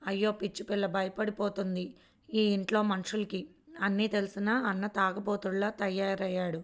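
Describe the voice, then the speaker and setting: A woman as a gentle, protective elder sister-in-law. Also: mid-range voice, lightly acted. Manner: gentle, soothing advice.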